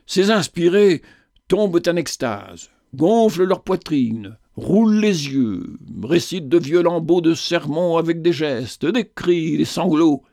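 A composed, skeptical doctor explains his views rationally, voiced by a male reader. The voice is a little higher than most men's, recorded dry and close. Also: expressive, slow, darkish tone, no room sound. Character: learned physician, skeptical and composed.

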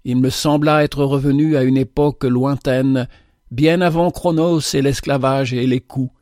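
A man narrating a literary story in a measured, dramatic storytelling manner. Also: mid-range voice, fairly even intonation, a little mellow, no echo, clean studio sound.

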